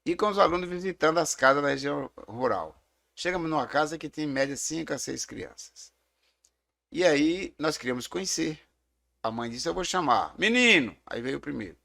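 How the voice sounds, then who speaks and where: A man's voice: a little high, fairly quick, vocal fry, a bit bright. A middle-aged man with a Brazilian Portuguese accent, a theology teacher speaking as a guest. He talks in a reflective, explanatory way and tells stories in a casual discussion.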